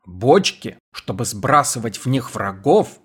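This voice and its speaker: A man reading an audiobook voices a weary, evasive priest who gives curt, reluctant answers in a low, subdued voice. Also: sing-song, measured pace, slightly rough. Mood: listing. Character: weary naked male priest, terse and evasive.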